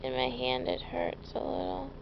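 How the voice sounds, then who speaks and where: A woman's voice: fairly low pitch, very animated, normal speed. A young woman, groggy and loopy as she comes round from anesthesia, rambling casually to a handheld camera from a hospital bed. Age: young adult. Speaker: patient vlogging. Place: small hospital room, lying in bed. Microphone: handheld camera at arm's length. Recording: dull handheld camera audio, clearly noisy.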